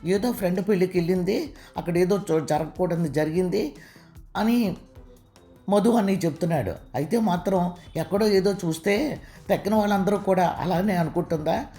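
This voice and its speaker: A woman's voice: on the low side, moderate pace, mellow, soft background music, natural voice. A woman voicing a worried middle-aged mother in a narrated story, fretting and anxious.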